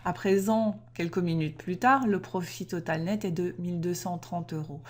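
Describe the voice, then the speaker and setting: A woman with a fairly low voice guides the listener through a trading platform, click by click. She sounds methodical and plain, now and then correcting a word mid-phrase. It plays as a recorded screen tutorial voice-over. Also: normal speed. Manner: clear, methodical explaining with small self-corrections. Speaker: trading software instructor.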